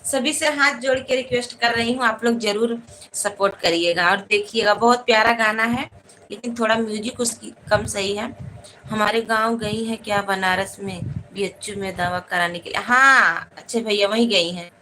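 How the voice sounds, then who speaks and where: A woman's voice: medium pitch, normal speed, bright, forceful tone, rough recording. A woman, chatting casually on a phone live stream, greeting viewers by name and asking for their support. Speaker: live-stream host and folk singer. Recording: faint background noise.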